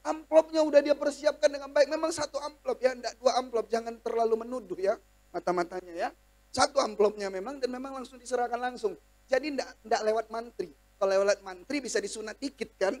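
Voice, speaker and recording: A man preaching a sermon with an Indonesian accent, telling stories and acting out the voices he quotes, moving from soft asides to loud declarations. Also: extremely high pitch, fast talker. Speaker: pastor.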